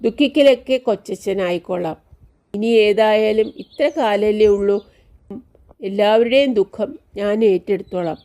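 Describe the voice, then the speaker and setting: A woman voicing a frail bedridden old man who speaks softly and gently to his niece. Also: medium pitch, moderate pace, lightly acted. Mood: tender.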